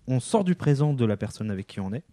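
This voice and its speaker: A man under fifty giving a comic spoken column, acting out quick bits of dialogue in a lively way. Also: mid-range voice, no echo, clean studio sound. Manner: lively, acts out quick dialogue in different voices.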